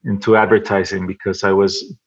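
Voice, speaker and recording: A Venezuelan advertising creative, a Spanish native speaker, guests on a podcast in English, chatting casually in an interview. He thinks aloud haltingly, repeats many words and laughs softly. His voice sits low, flat and slightly rough, and the audio is dull.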